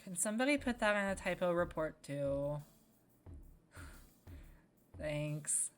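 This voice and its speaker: A woman's voice: fairly low pitch, animated, takes it slowly, soft background music. A young woman, a game developer, chatting casually over her own playthrough and answering viewers' questions as she goes. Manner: chatty, wandering, answers chat. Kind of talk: casual let's-play commentary.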